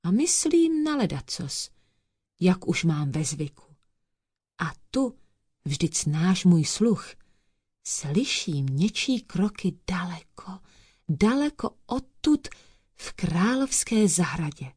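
A woman's voice: mid-range voice, very animated, slightly rough, no room sound, clean studio sound. Woman doing Jura, a sly whispering cat. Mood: hushed scheming. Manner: whispered, hissing.

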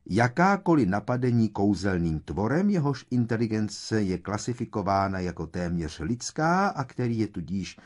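A man voicing a shrill, haughty, pompous woman official in an audiobook reading. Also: a little mellow. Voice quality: shrill, squeaky.

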